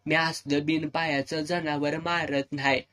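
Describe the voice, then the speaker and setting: A man voicing a timid, quick-tempered young village farmer, in a serialized audio novel. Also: on the high side, little pitch movement, a bit bright. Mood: tense.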